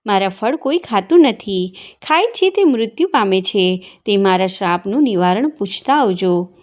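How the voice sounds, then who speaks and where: A woman's voice: mid-range voice, expressive, moderate pace, a little mellow, lightly acted. A woman voicing a cursed, sorrowful talking mango tree in a devotional tale, pleading solemnly.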